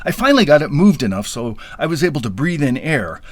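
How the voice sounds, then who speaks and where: A man's voice: fairly high pitch, very animated, quick pace, no room sound. A man telling a funny personal story in a wry, self-deprecating, playfully dramatic way. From US Midwest. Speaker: podcast storyteller. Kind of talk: comic first-person storytelling.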